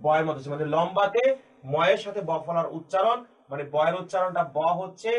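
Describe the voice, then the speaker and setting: A man with a Bangladeshi Bengali accent teaching a grammar lesson to students, patiently repeating and slowly spelling out each key point. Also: on the high side.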